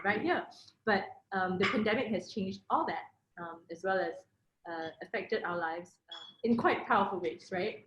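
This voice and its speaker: A woman moderating a panel, introducing guests with many fillers and restarts. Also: medium pitch. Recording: roomy echo.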